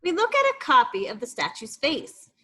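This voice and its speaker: A teacher, a woman with a high-sitting voice and an ordinary pace, reads aloud from an informational book for young kids. Her delivery is expressive and full of explanation, punctuated by remarks to her pupils.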